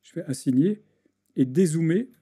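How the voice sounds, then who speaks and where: A man with a somewhat high but very dark, mellow voice narrates a screen-recorded tutorial. He hesitates often, repeats words and restarts sentences while working in the program. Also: lively intonation, normal speed, husky. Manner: hesitant, many restarts and fillers, talks while clicking. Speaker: video editing tutor.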